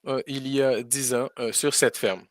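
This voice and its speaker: A man's voice: medium pitch, fairly even intonation, normal speed, no echo, clean studio sound. A man doing live spoken interpretation for a school farm tour, hesitating often with fillers and restarts.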